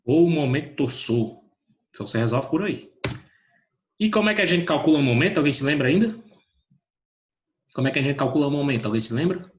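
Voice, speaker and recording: A man's voice: fairly high pitch, expressive, quick pace, long pauses, a little hiss or hum. A man teaching an online physics class, calling on students by name and asking questions that he answers himself.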